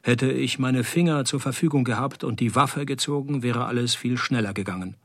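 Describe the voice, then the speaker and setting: A man playing a wisecracking, world-weary private detective in a noir radio drama, with a dry, sardonic, deadpan delivery. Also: mid-range voice, normal speed, no room sound.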